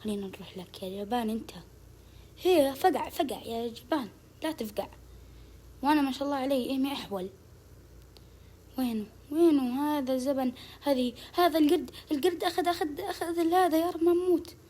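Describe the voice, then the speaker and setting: A channel host giving casual gameplay commentary, urging the game on with quick repeated words. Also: high-pitched, darkish tone, a little hiss or hum.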